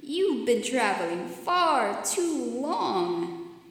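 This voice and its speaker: A woman's voice: a little high, sing-song, extremely slow, heavy reverb, in a large hall, full character voice. A woman reading a storybook, voicing a huge gaping mouth, a sly creature coaxing a girl.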